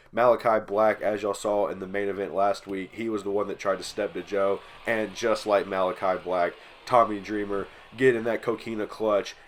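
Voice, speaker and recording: A man with a stuffy, congested voice from allergies, hosting and calling play-by-play over a wrestling video game, getting loud on the big moves. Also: on the low side. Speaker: channel host.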